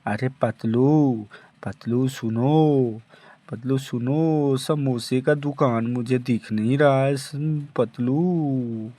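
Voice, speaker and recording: Motu, a man voicing an excitable chubby cartoon buddy. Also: mid-range voice, very slow. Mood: excited. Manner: exclaiming, repeating lines. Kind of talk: amateur cartoon dub.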